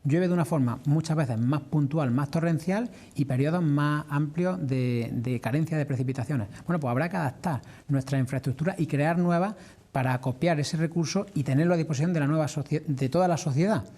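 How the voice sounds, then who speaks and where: A man with an Andalusian accent giving measured, explanatory answers as a farming representative in a formal interview. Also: a little high, dark tone. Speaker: farmers' organisation representative being interviewed.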